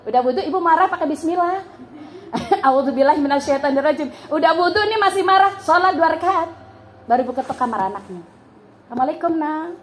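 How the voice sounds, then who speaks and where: A middle-aged woman delivers a lively Islamic sermon, her voice pitched high. She tells stories, acts out the dialogue and laughs often. The sound is echoey, with a faint hum of ambience behind her. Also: brisk. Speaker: preacher at a women's study group.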